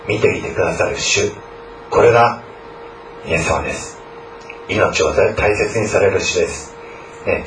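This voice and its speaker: A man preaching a sermon and leading a closing prayer, earnest and often adding a soft tag word to his phrases. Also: on the low side, a little hiss or hum. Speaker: pastor. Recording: roomy echo, mic at a distance, faint background ambience.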